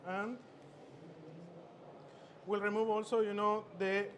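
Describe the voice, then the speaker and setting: Chef instructor from Chile, male, raised pitch, stop-start cooking demo patter over loud expo noise. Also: little pitch movement. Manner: halting, many fillers and repeated words. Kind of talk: live cooking demonstration. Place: expo stage. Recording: noisy expo hall ambience.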